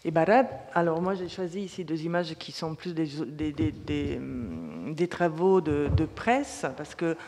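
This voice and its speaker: A woman's voice: deep voice, animated, a little slow, hardly any pauses, warm tone, slight background noise. A woman moderating a panel, searching for her words and restarting as she frames her questions. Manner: searching, restarts often while framing questions. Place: conference hall. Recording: reverberant lecture hall.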